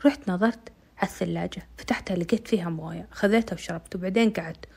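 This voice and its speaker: A woman narrates a dramatic first-person story intimately, dipping into whispers at tense moments. Her fairly low voice comes out rapid-fire, with vocal fry, a breathy edge, and a slightly mellow quality.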